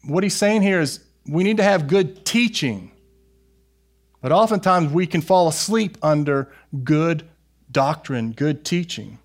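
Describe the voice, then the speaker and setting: A man's voice: on the high side, animated, a little slow. A man preaching a sermon as a pastor, earnestly exhorting his listeners and putting questions to them.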